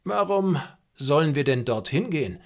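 A man voicing an angry, proud Native chief in an audiobook, with loud, high, forceful outbursts. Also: very animated, normal speed. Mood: wary. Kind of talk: audiobook character reading.

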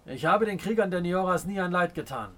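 A man's voice: high voice, expressive, a little fast, fairly bright tone. A man voicing a nervous, boastful oil prince in an audiobook, speaking in a subdued, uneasy way.

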